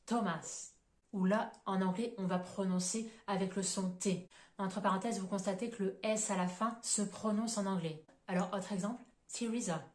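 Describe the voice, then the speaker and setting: A woman explains English sounds in a patient, clear teaching manner, repeating each example so viewers can copy it. Her voice sits in a middle range and carries a noticeable room echo. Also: mid-range voice, a little mellow. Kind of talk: online pronunciation lesson.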